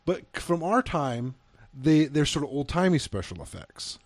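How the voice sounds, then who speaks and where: A man co-hosting a casual film discussion, thinking aloud in a halting, hesitant way. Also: a little high, very animated. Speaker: podcast co-host.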